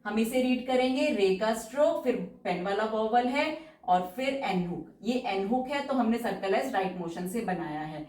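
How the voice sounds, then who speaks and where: A woman teaching shorthand in a patient, step-by-step way, repeating each example word slowly. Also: on the high side, expressive, a little mellow, distant mic. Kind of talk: step-by-step tutorial explanation. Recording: roomy echo, voice from off-mic.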